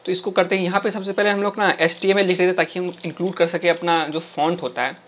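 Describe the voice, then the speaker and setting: A young man hosts a screen-recorded coding tutorial, walking through each step in a chatty way and checking in with the viewer after almost every sentence. His voice sits high and the words come quickly. The sound is dull and lo-fi, as from a cheap home microphone. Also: level tone, a bit bright, a little hiss or hum. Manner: chatty, keeps tagging lines with "theek hai?".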